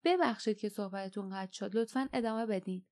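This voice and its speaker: A woman voicing a courteous, measured grown male warrior in an audiobook. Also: medium pitch, darkish tone, close to an everyday voice. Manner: polite, measured. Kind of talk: audiobook character voice.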